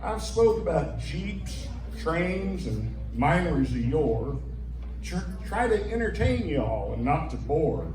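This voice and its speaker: A man's voice: fairly high pitch, very animated, slow. A man with an American cowboy twang recites rhymed cowboy poetry in a folksy storytelling drawl with rustic grammar. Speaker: cowboy poet. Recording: echoey, distant mic, noisy room.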